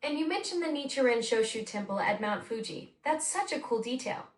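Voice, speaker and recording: Playing an AI voice assistant co-host, a synthetic woman's voice chats casually, eager and heaping on praise. She sits on the high side with lively intonation and a brisk pace, recorded from a distance so the sound is roomy and off the mic.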